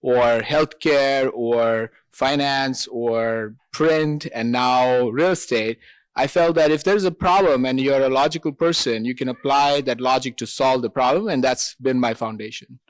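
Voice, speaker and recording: Measured man, close and dry. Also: medium pitch, clear, resonant tone, dry recording. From India. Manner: measured, logical, with light laughs. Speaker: founder and CEO, panelist. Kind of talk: panel discussion.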